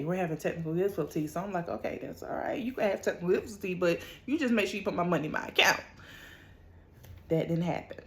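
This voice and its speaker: Thirties woman, motivational vlogger, easygoing storytelling, lowish pitch, filler-heavy. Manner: chatty, many fillers, praises God. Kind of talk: casual personal story to camera.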